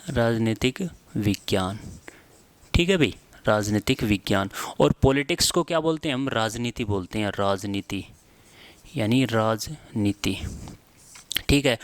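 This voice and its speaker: A young man teaching an exam-prep lesson in a chatty way, often repeating key terms slowly for students to write down and tagging phrases with fillers. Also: mid-range voice, smooth, dry recording. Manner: frequent filler tags at phrase ends.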